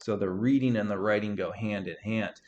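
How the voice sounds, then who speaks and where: A man's voice: lowish voice, fairly quick, lo-fi sound. Upbeat man coaching essay writing. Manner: energetic coaching, many "right?" tags. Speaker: writing teacher. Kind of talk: student-facing writing workshop.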